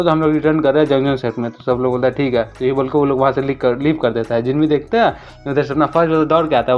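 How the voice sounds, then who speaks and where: A man narrates a manhwa recap, casually retelling a comic story at a rapid pace and briefly raising his voice for quoted lines. His voice is on the high side, and the voice-over is dull and lo-fi with faint music.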